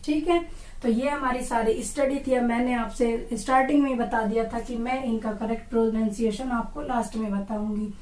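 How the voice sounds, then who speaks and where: A woman teacher giving an exam-prep lesson, asking questions and repeating each term slowly so students say it with her. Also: fairly high pitch, steady tone, a little mellow, slight background noise. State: dry throat. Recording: echoey room, far from mic.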